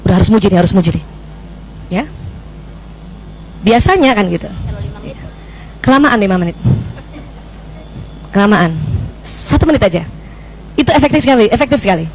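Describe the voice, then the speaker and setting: A middle-aged woman from Indonesia giving a lively parenting talk to mothers, often asking the audience questions and acting out how she scolds a child. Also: mid-range voice, moderate pace, pauses often, rough recording.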